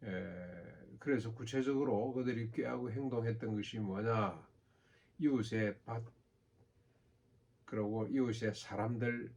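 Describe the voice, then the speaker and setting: An older man preaching a sermon as pastor, with measured delivery and rhetorical questions. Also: fairly low pitch, a little mellow.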